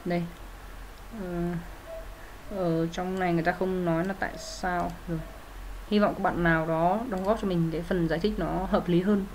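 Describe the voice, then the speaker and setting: A woman teaching grammar, walking through each answer step by step and correcting herself as she goes. Her voice sits a little low, with a faint hum underneath. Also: steady tone, moderate pace, darkish tone. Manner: methodical, with frequent fillers and self-corrections. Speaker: English teacher. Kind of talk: explaining grammar exercises.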